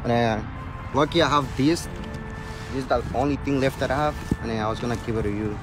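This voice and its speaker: A young man from Guatemala rambles and pleads with strangers on a city street, words tumbling out quickly. Music plays clearly under his voice. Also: medium pitch, rough recording. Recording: music playing over street audio.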